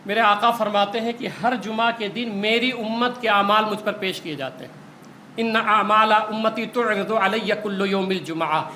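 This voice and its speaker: A man's voice: sits high, sharp tone, slight background noise. A man preaching a sermon in an impassioned, rising voice, recorded in a large echoey hall.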